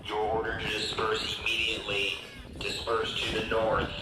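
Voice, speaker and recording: A man, a police officer, giving firm, formal riot dispersal warnings blasted through a loudspeaker sound cannon, heard echoing outdoors. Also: lowish voice, monotone, very noisy. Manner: firm, measured, formal commands.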